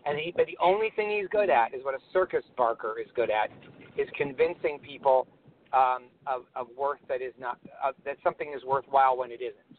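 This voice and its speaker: A man's voice: mid-range voice, brisk. A man calling into a talk show, ranting heatedly and scornfully, piling up phrase after phrase. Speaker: caller. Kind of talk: casual political rant. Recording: tinny phone line with faint hiss.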